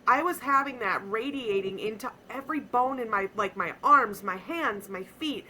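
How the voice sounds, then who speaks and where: A young adult woman on a podcast, earnestly telling a personal story in a casual, animated way with frequent fillers. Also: on the high side, normal speed, a little hiss or hum, low-quality recording. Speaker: podcast co-host.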